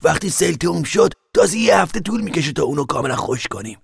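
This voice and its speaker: A man voicing an eager, practical young farm lad who talks in quick, earnest bursts. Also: a little high, animated, vocal fry, slightly rough, no room sound, studio quality, voice pushed up, full character voice.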